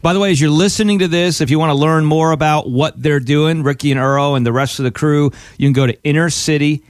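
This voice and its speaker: Higher-voiced male radio host, dry sound. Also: fast, no echo. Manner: earnest, motivational, with rhetorical check-ins. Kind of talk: conversational radio interview hosting.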